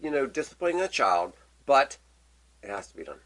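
A man's voice: mid-range voice, big pitch swings, fairly quick, a bit bright. A man co-hosting a casual political podcast chat, emphatic and sarcastic. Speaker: podcast co-host.

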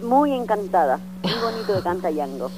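This is a woman from Puerto Rico phoning in to a radio program. She gushes like an excited fan, and a faint noise sits behind her voice. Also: mid-range voice, a little fast. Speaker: radio caller. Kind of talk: phone-in chat.

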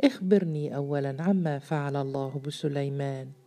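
Stern, scornful storybook jinn, read by a woman in a low mellow voice. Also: normal speed. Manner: severe, scornful sermonizing. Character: stern mocking male jinn freed from a bottle. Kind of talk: storybook reading.

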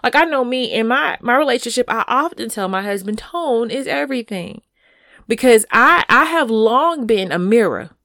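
A woman's voice: fairly high pitch, lively intonation, moderate pace, few pauses, a bit bright, dry recording, clean studio sound. A woman in her thirties chatting casually as a podcast co-host, speaking frankly and with emphasis, often checking in with "right?". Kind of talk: casual chat.

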